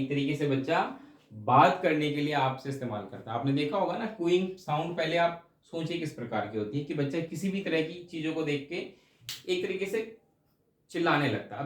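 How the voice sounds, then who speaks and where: A man's voice: on the high side, roomy sound. A male teacher giving an explanatory exam-prep lecture, going over each point again and checking in with his students. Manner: explanatory, repeats points with frequent check-ins.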